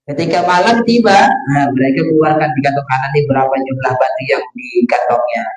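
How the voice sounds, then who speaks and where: A man's voice: medium pitch, fairly quick. A man giving a religious study lecture. He explains patiently and repetitively, often adding "ya", and quotes Arabic before translating it. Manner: repetitive explaining with frequent "ya" fillers, quoting Arabic then translating. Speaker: religious teacher. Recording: roomy echo.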